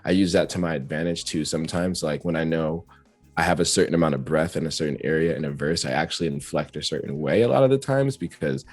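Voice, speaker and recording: A man with a very low voice talks openly as a guest about his craft, rambling and laughing easily. The sound is dry and close, with faint music underneath. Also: quick pace, no echo. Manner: talkative, reflective, laughs often. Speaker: rapper guest. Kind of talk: casual interview chat.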